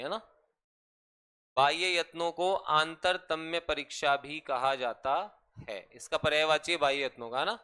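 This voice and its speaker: A man with a Rajasthani Hindi accent teaching a class, slowly dictating notes and repeating each phrase for students to write down. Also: fairly high pitch, pushed and bright, clear, resonant tone. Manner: slow, repetitive dictation.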